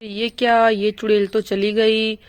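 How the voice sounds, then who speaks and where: A woman voicing a village husband and father in a doll storybook, speaking in a lowered voice with a fussing, boastful manner. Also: level tone, slow, clear, resonant tone, no room sound.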